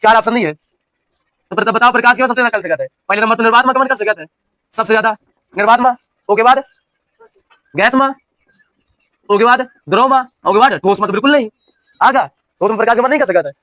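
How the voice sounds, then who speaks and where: High-pitched man dictating lesson notes. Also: quick pace, pauses often, pushed and bright, no room sound. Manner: dictating, repeats each phrase for note-taking; checks understanding with repeated questions. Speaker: physics teacher for railway exam prep. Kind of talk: classroom lecture, dictating notes.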